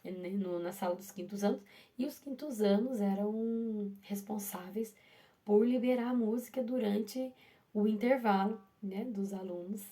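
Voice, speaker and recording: A woman's voice: medium pitch, a little slow, dark tone. A woman who teaches primary school, telling her classroom story in a chatty, casual way full of restarts and asides to her listeners.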